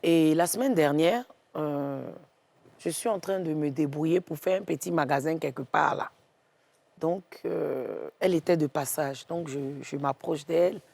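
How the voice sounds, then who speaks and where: A woman with an Ivorian French accent, a guest on a TV talk show, telling a story in a lively way and acting out what each person said. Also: deep voice, measured pace, vocal fry. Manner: lively, tells stories in the first person and acts out what each person said. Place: TV studio.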